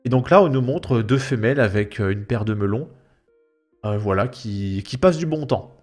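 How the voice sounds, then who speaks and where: The host of a reaction video channel, a man with a French accent, gives casual, colloquial commentary in a mocking, emphatic style. His mid-range voice is animated and a little mellow, at normal speed, with music playing in the background.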